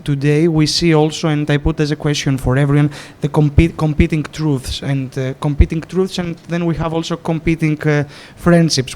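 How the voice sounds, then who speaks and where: A male moderator guides the panel, speaking hesitantly and stopping often for "um" and "uh". His voice sits slightly high. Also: a little mellow. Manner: hesitant, many fillers.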